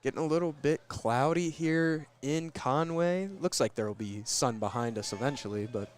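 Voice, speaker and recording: A young man calls college baseball for student radio, chatty and quick to poke fun at himself. His voice sits at an ordinary middle pitch, relaxed commentary between pitches. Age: young adult. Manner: chatty, self-deprecating joking. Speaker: play-by-play announcer.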